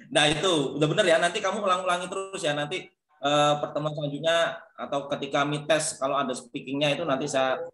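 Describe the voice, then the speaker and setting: A man's voice: on the high side, steady tone, moderate pace, pauses often, fairly bright tone, reverberant. A male lecturer teaching English pronunciation in an online class, calling on students by name and encouraging them. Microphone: video call.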